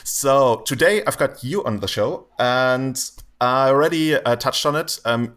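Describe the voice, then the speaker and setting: A man's voice: mid-range voice, fairly bright tone. Upbeat male podcast host. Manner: upbeat, inquisitive, chatty. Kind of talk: casual conversational interview.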